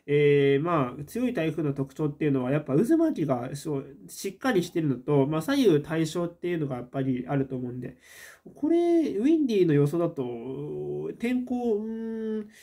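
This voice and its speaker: A man's voice: fairly high pitch, dark tone. A man hosting a casual livestream, reading out viewer comments and thinking aloud with many fillers. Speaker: host.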